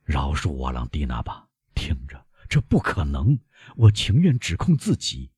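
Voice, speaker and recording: A desperate middle-aged prosecutor, voiced by a male audiobook reader, speaking low and hushed, stumbling over his words as he begs. The voice is very deep and raspy, and the dry recording keeps every break in it close. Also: wildly swooping pitch, a little slow, dry recording, full character voice. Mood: pleading. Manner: hushed, faltering, begging. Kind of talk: audiobook character reading.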